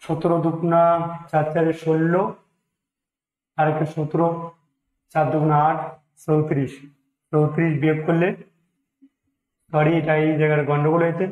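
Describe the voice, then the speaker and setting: A man with a Bengali accent walks through percentage sums aloud as a maths teacher. He counts each step and mixes in English number words. His voice sits a little high for a man, and the room around him rings with echo. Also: completely flat delivery, moderate pace, pauses often, darkish tone. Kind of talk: exam-prep maths lesson, working problems aloud.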